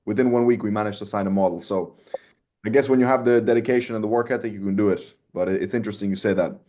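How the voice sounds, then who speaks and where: A man with a fairly low voice leads a relaxed interview. He talks loosely and in slang, calling his viewers boys and lads. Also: fast. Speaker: host. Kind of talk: casual video interview.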